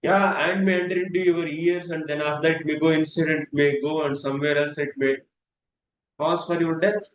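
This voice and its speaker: A man's voice: on the high side, fairly even intonation. A man giving a scripture class, speaking in an earnest, repetitive way. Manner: earnest, repetitive, swings between slow and fast. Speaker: spiritual teacher. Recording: echoey room with faint noise.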